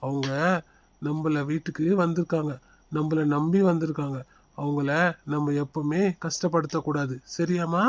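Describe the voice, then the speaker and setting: A man voicing a fair-minded father who calmly reasons and lectures his family. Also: fairly high pitch, moderate pace, pitched below the performer's own voice, lightly acted. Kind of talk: cartoon voice acting.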